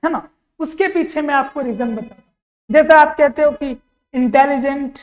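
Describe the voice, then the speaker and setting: A man's voice: extremely high pitch, normal speed. A man teaching an exam-prep grammar lesson, quizzing the class with repeated questions and answers. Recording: long reverb in a hall.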